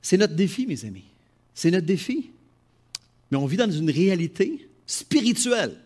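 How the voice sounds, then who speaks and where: A middle-aged man with a Quebec French accent preaching a sermon to his congregation, animated and swinging between loud emphasis and quiet asides. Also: high-pitched, moderate pace. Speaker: pastor.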